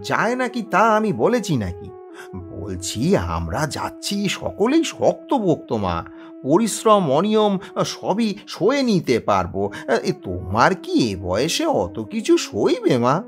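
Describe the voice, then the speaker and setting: A man's voice: mid-range voice, wildly swooping pitch, measured pace, soft background music. A man voicing a flustered, evasive grown son in an audio story, over-talkative and stammering. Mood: incredulous.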